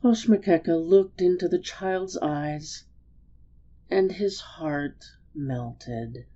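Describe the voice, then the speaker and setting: Reading a story with drama, a woman uses a low, soft-edged voice, drawing out her words and lingering over each phrase. The recording has a slightly dull sound.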